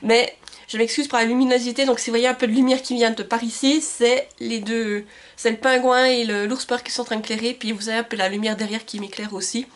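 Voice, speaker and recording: Woman, book vlogger, slightly high voice, loose chatty delivery with fillers, camcorder sound at home. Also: fairly even intonation, fairly quick. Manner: chatty, many fillers and restarts. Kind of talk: casual book haul chat. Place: home room with bookshelves and Christmas lights. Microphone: camcorder mic.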